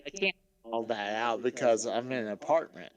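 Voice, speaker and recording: A man's voice: mid-range voice, lively intonation, moderate pace, crowd noise. Terse, defensive man on a stream call. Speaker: guest defending himself. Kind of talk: livestream discussion. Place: apartment.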